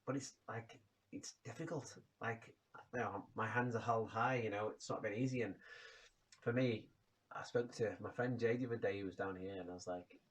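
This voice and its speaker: Bloke ranting to camera, loose and frank, sounds a bit distant from the mic. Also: male voice, on the low side, fairly even intonation, normal speed. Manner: rambling, frank, swears casually. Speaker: vlogger. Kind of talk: casual personal rant to camera.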